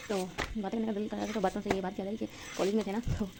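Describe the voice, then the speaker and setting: A young woman with a Pakistani Urdu accent chats quickly and loosely, full of fillers, as she cooks breakfast at home. She holds the phone in her hand as she talks. The home recording has a clear layer of background noise under her voice. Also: mid-range voice, level tone. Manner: rambling, chatty, full of fillers. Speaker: vlogger. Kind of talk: casual chat vlog while cooking. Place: home kitchen, indoors. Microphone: handheld phone.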